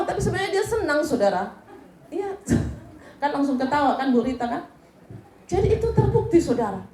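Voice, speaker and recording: High-voiced Batak woman pastor preaching. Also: slight background noise. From Indonesia. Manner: lively, jokey preaching with acted-out quotes. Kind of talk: sermon and closing prayer. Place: church hall. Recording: echoey church with music behind.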